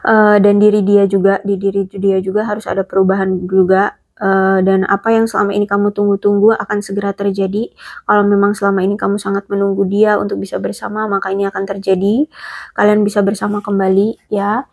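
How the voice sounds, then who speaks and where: A woman's voice: mid-range voice, monotone, fast talker, darkish tone, breathy edge. A woman giving a casual tarot reading straight to the listener, chatty and hesitant, with many fillers and restarts. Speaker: tarot reader.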